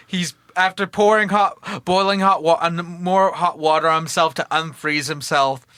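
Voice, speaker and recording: Bright-voiced man pitching a comic movie sequel. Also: fairly even intonation, normal speed, clean tone, dry recording, clean studio sound. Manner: rambling, laughs often, self-correcting. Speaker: podcast co-host. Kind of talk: casual comedic movie pitch.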